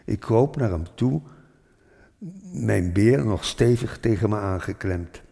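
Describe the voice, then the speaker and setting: An older man from Rotterdam telling a childhood memory in a thoughtful, unhurried way, pausing with hesitant fillers. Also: fairly low pitch, expressive, gravelly, mellow. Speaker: storyteller. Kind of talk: reflective spoken memoir. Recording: long hall reverb.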